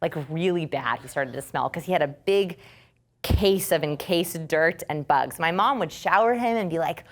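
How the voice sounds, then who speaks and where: A woman instructor teaching a storytelling class, lively and acting out quoted speech. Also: deep voice, moderate pace.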